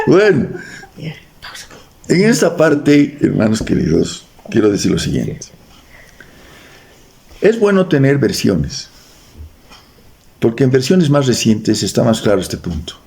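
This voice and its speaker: Gravelly Bolivian preacher, lively pitch. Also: male voice, slow, pauses often. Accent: Bolivian Spanish. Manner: reads verses aloud, adds jokes and quizzes the congregation. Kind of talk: sermon with scripture reading. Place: church.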